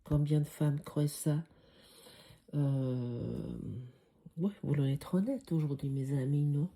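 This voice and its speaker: A woman's voice: sits low, slow, mellow. A woman with a foreign French accent tinged by Swiss speech, teaching a spiritual lesson in a musing, hesitant way with frequent fillers. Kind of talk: reflective spoken lesson.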